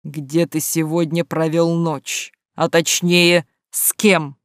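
A narrator voicing a domineering middle-aged man who shouts threats in a story read aloud. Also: medium pitch, flat delivery, slow pace, no room sound, clean studio sound. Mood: coldly threatening.

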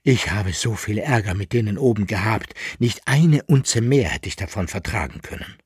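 A man's voice: fairly low pitch, animated, moderate pace, slightly rough, no room sound, studio quality. A man reading the part of an indignant, grumbling middle-aged merchant who complains in an exasperated way in a radio reading. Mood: aggrieved.

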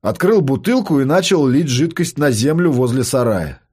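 Man, audiobook narrator, husky, lively pitch, steady dramatic reading. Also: moderate pace.

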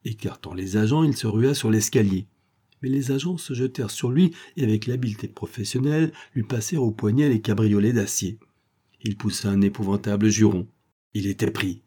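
A man narrating an audiobook in a steady, measured storytelling manner. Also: fairly low pitch, husky.

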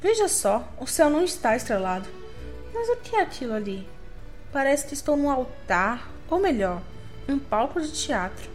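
Young woman, slightly high-pitched, theatrical self-mocking literary reader over faint music. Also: big pitch swings, moderate pace. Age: young adult. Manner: theatrical, wry, self-mocking, shifting pace. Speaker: reader of her own literary monologue. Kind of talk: dramatic literary reading.

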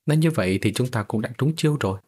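A man's voice: mid-range voice, animated, a little fast, breathy edge. A man reading a storybook voicing a nervous young male cultivator who asks alarmed questions.

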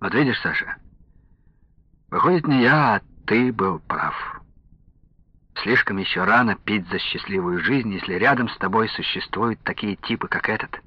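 A man voicing a burly, hot-tempered army man who talks in a menacing, forceful way, in a dull lo-fi recording. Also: lowish voice, moderate pace, slightly rough, no echo. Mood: hearty. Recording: dull lo-fi audio.

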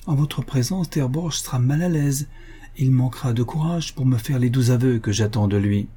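A man reading aloud voices a playful young girl in love, in a teasing, lively way. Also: medium pitch, normal speed, breathy edge, lightly acted. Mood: pleading.

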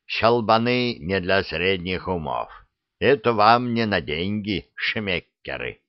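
Man doing a grumbling old dragon, huffy, lecturing, slow, dull dry sound. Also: low-pitched, animated, no room sound. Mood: scornful.

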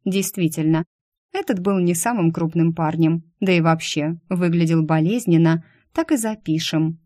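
A woman reads a first-person novel aloud in a dry, ironic storytelling manner. Her voice sits low for a woman and has a warm, mellow tone. The recording is dry, with almost no room echo. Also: moderate pace. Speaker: audiobook narrator. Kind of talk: first-person audiobook narration.

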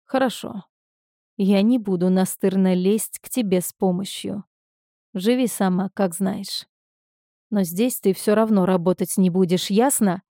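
Woman doing a bossy angry rich guy, curt and barking, mellow dry audiobook voice. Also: mid-range voice, steady tone, unhurried, no room sound, close to an everyday voice. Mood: stern. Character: angry domineering wealthy young man.

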